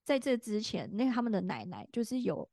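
A woman's voice: on the high side, big pitch swings, a little fast, dark tone, no echo, clean studio sound. A woman, co-hosting a podcast in rambling casual chat full of fillers and restarts. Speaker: podcast co-host.

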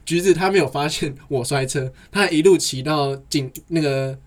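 A man's voice: on the high side, moderate pace. A young man, chatting casually and telling rambling anecdotes that run on with "and then". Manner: long rambling anecdotes told in a chain of "and then". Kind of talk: casual podcast chat.

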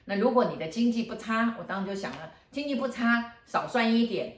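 A woman's voice: fairly high pitch, brisk. Woman with telling a story. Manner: lively, chatty storytelling with frequent laughs. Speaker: feng shui master. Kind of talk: casual storytelling chat. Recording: roomy echo.

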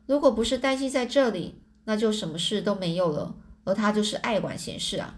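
A woman's voice: mid-range voice, fairly quick. A woman reading a translated novel aloud in a plain storytelling manner, often stumbling and correcting herself. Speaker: storybook reader.

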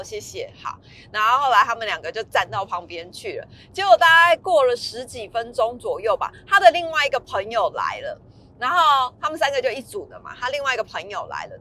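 A woman's voice: fairly high pitch, pushed and bright. A woman, casually telling a story in a vlog, laughing often and acting out the lines she quotes.

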